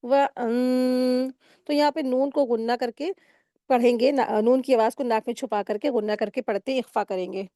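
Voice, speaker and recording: A woman teaching Quran recitation rules step by step in a patient, explaining manner, pausing to recite words slowly. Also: on the high side, dark tone, dry recording, studio quality. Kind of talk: step-by-step tajweed lesson.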